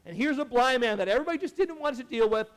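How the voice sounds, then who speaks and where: A young adult man, a pastor, giving a casual sermon in a chatty, animated way with many asides and restarts. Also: very high voice, racing.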